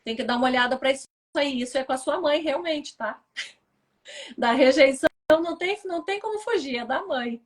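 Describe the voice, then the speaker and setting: A woman's voice: high-pitched, a little fast. A woman, a therapist chatting casually on a live stream and acting out the lines of the people in her stories. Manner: animated storytelling, acts out quoted dialogue. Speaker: therapist and mentor.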